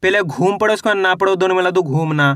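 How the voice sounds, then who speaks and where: A man with a high, bright, ringing voice teaches beginners to read, sounding out every syllable one at a time before he joins them into a word. He keeps asking how to read the word and answers himself, patient and step by step. The sound is close and dry. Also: fast, no room sound. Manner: asks and answers his own questions; addresses viewers as friends. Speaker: Hindi reading teacher. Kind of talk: slow, step-by-step spelling lesson.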